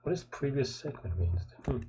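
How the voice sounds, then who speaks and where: A man's voice: medium pitch, expressive, normal speed. A man casually thinking aloud as he solves a programming puzzle, speaking in hesitant, muttered fragments while typing. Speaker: programmer host live-solving a puzzle. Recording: faint noise, keyboard typing and clicks.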